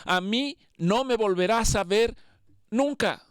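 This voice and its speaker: A man voicing a calm, mysterious male stranger in an old-fashioned suit who speaks with quiet assurance. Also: high-pitched, takes it slowly, clear, resonant tone, no room sound, studio quality, voice pushed up. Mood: solemn calm.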